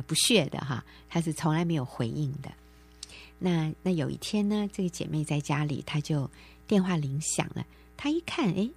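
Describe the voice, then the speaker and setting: Husky low-voiced woman storyteller. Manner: earnest storyteller who acts out quoted speech with lively rises in pitch. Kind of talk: devotional storytelling talk.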